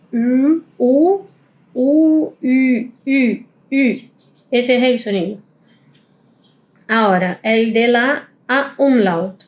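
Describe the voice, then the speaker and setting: Woman teaching, slow careful drills. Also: on the high side. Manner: repeats sounds slowly, drawn-out vowel drills. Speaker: German teacher. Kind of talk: pronunciation lesson.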